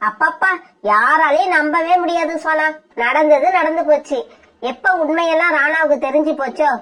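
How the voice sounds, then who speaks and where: A woman's voice: high-pitched, fairly bright tone. A woman voicing a scornful, meddling female crow in a cartoon, scolding and taunting. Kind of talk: cartoon voice acting.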